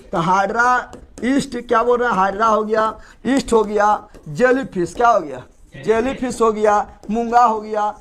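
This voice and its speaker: A man teaches a class, his voice pitched well above most men's. He drills students by asking the same question again and again and answering it himself. Some lines come from farther off the mic and sound faint. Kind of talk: classroom lecture with call-and-response.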